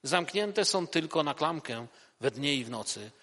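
A male preacher voicing a kindly old bishop, speaking low, slow and hushed, in an echoey hall. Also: animated. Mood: solemn.

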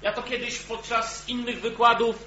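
A man's voice: extremely high pitch, level tone, normal speed, pushed and bright. A man preaching a sermon to a gathered congregation, speaking earnestly and asking his listeners direct questions. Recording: echoey, dull sound with faint hum.

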